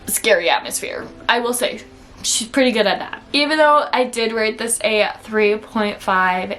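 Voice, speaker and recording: A woman's voice: medium pitch, a bit bright, a little hiss or hum. Chatty woman with a Minnesota accent. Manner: chatty, fills talk with "like" and "okay?". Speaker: book reviewer. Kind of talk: casual monthly reading wrap-up.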